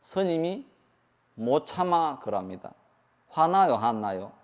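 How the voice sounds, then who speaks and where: A male monk preaching a sermon with a lively, rising and falling voice. He asks his listeners question after question and acts out the quarrels he describes. The reverb of the hall trails behind his words. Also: fairly high pitch, takes it slowly. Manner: asks the audience questions, acts out quoted lines.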